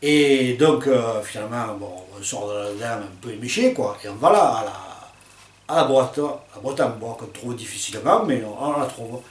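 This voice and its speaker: An older man telling a personal anecdote in a chatty, lively way, with fillers and laughs. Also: medium pitch, normal speed. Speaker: storyteller. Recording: roomy sound from a distant mic.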